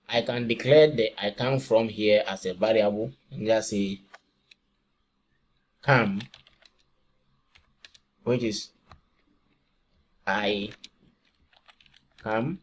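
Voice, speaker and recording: A programming tutor from Ghana, a man with a fairly low voice, walks through a screen-recorded coding lesson step by step. He often asks himself a quick question and then answers it, with faint hiss and keyboard clicks beneath his voice.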